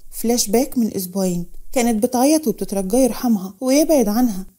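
A woman with an Egyptian accent narrating a dramatic story in a brisk way. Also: a little high, lively intonation, warm tone.

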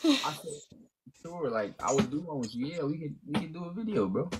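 A man's voice: a little high, expressive, quick pace, darkish tone. A young man with a Midwestern accent, chatting casually and teasing on a livestream. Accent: Midwestern American. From Gary, Indiana. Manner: laid-back, teasing, slangy. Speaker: TikTok live co-host. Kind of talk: casual chat.

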